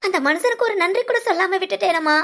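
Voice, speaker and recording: A woman voicing a motherly older aunt in a cartoon family drama, speaking gratefully and warmly. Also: very high-pitched, fast talker.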